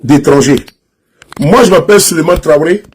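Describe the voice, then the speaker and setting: Speaking to camera at normal speed, an Ivorian man with a strong Ivorian French accent and a high, husky voice rants about politics. Like an online commentator talking to his followers, he repeats his points over and over in a mocking, insistent tone, unscripted and personal, tripping over false starts.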